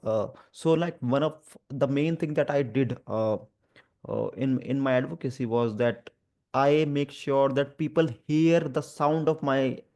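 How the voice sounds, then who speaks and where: This Indian man's mid-range, darkish voice keeps fairly even intonation as he talks conversationally about his own life. He stammers with repeated sounds and blocks, and his phrasing is halting, hesitant, and earnest.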